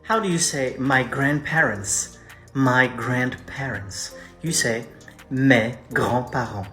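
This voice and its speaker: A man teaching pronunciation, repeating each word slowly with chatty asides. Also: mid-range voice, sharp tone, faint music behind. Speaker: French teacher. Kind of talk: pronunciation lesson.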